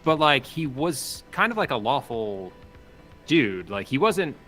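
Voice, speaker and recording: A man talks in an animated, thinking-out-loud way, his pitch bouncing around a lot. His tone is bright and forward. Faint music plays in the background. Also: unhurried. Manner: animated, thinks aloud with many fillers. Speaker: podcast co-host. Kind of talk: casual chat about tabletop games.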